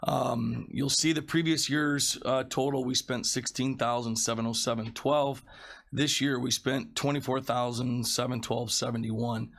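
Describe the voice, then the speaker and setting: Male facilities director, sick and gravelly, delivering a halting meeting report. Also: medium pitch, steady tone, fairly bright tone, a little hiss or hum. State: under the weather, feeling sick.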